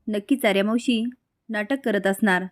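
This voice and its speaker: A woman's voice: mid-range voice, moderate pace, natural voice. A woman reading the lines of a clever young boy in a retold serial episode, asking pointed questions. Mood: insistent.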